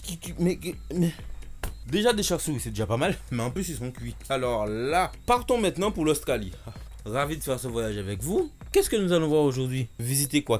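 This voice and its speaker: A man's voice: medium pitch, a little mellow. A young man giving casual, sarcastic reaction commentary as a YouTuber, full of jokes and asides. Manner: joking, sarcastic asides, many filler "hein".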